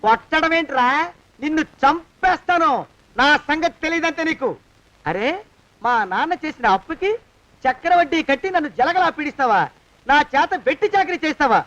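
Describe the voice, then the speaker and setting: A furious debtor berates his creditor in a very high, strained voice, heaping insults on him. It is old film comedy dialogue with dull, lo-fi sound. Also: lively intonation, normal speed, a bit bright, no echo. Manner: ranting, insulting. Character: angry young man berating a cruel moneylender.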